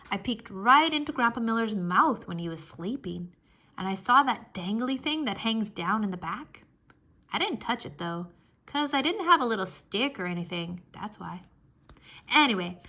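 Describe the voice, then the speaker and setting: A woman with a medium-pitched voice narrates a children's storybook expressively. She tells it in the first person, in an animated, childlike way.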